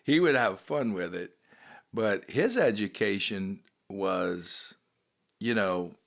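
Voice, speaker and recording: Deep gravelly man hosting a chat. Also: expressive, takes it slowly, fairly bright tone. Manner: conversational, asks guest to elaborate. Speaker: podcast host. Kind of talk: casual interview chat.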